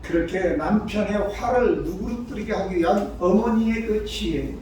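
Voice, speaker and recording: A male pastor preaching a sermon, who breaks into shouted, acted-out quotes. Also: sits high, moderate pace, a little hiss or hum. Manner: acts out quoted voices with sudden shouts. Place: church sanctuary. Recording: far-off mic in a very echoey church hall.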